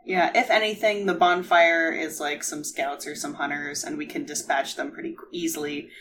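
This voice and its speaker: Female tabletop player, slightly low voice, casual game chat, background noise behind her. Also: lively intonation, moderate pace, a bit bright.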